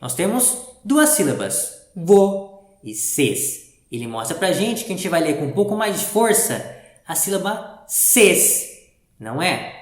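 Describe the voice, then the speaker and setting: A man teaching a reading lesson to young pupils, explaining patiently step by step and asking the class questions. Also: fairly high pitch. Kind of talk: primary school reading lesson. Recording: roomy echo.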